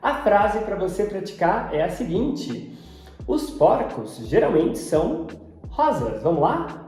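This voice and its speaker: A man with a Brazilian Portuguese accent teaching English pronunciation, repeating each word slowly and carefully. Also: high-pitched, sing-song, a little mellow, soft background music. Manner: repeats English words slowly and deliberately, often several times. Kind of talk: pronunciation lesson. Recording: very echoey room.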